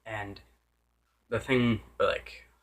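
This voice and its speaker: A man with a fairly low voice talks through a game review off the cuff. He rambles, restarts his sentences and corrects himself over and over. Now and then he loses track of what he meant to say. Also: steady tone, drawn-out words, a bit bright. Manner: loses his train of thought. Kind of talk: casual unscripted game review.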